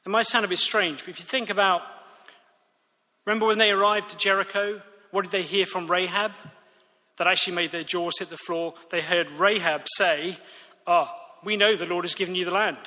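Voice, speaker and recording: A man delivers a sermon in a bright, forceful voice pitched a little high. He is earnest and emphatic and keeps circling back to his key phrases. The sound carries a long reverb, as in a church hall. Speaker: preacher.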